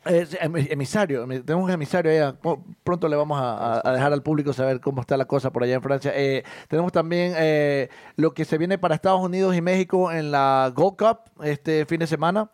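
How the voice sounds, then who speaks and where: Upbeat male sports podcast host, fairly high voice, dry close mic, chatty with fillers. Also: a little fast, hardly any pauses, darkish tone, no room sound. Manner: upbeat, laughing, hesitant fillers. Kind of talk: casual sports podcast chat.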